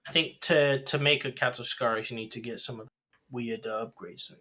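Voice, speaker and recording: A man's voice: mid-range voice, steady tone, fairly quick, pushed and bright. A man co-hosting a podcast, chatting casually, joking, laughing often and swearing. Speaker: podcast co-host. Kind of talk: casual banter.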